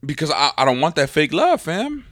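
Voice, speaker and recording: A young man hosts a podcast with a friend, full of slang and quick jokes, laughing often. His pitch leaps widely from low to high, and the sound is dry with no room around it. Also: huge pitch swings, a bit bright, no room sound. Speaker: podcast co-host. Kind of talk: casual podcast banter.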